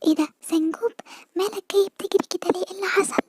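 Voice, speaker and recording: A woman's voice: very high-pitched, steady tone, racing, darkish tone, a little hiss or hum. A woman voicing a well-meaning young animal friend with an Egyptian Arabic accent, earnest and a bit scolding.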